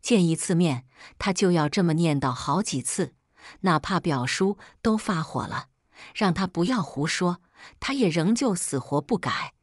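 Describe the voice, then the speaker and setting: A woman narrating a scripted first-person family story in a dramatic, expressive way. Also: lowish voice, measured pace, dry recording, studio quality.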